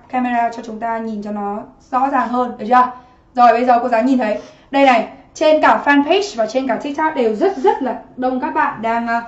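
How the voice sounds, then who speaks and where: A woman teaching a livestream exam-prep lesson from her home office, chatty and constantly asking students to comment. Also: a little high. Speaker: English teacher. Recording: muffled roomy livestream audio.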